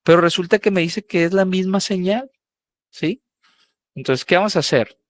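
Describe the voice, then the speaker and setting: A man's voice: high-pitched, normal speed. A man teaching a live online coding lesson, casual and checking in with students often.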